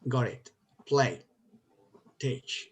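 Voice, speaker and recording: A man's voice: medium pitch, extremely slow, husky. A man on a video call, hosting a quiz game for students as their teacher, upbeat and coaxing everyone to join in. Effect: heard over a video call. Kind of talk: casual online meeting talk.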